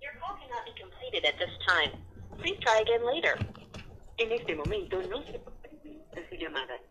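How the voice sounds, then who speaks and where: A woman's voice in a recorded phone message, announcing in an even, formal operator tone over a phone line. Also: on the high side, moderate pace. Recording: tinny phone line with loud hiss and clicks.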